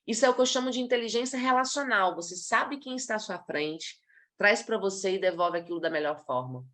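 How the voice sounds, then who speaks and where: A woman from Brazil gives a live online talk on body language to professionals. She is lively and demonstrative, acting out little scenes to make her points, in a mid-range voice. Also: medium pitch, fairly quick.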